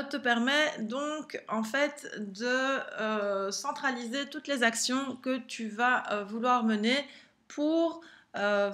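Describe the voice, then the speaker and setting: A woman's voice: fairly high pitch, fairly bright tone. A woman with a French accent, an online business coach talking casually to camera in a chatty style, full of fillers and restarts. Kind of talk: casual direct-to-camera vlog.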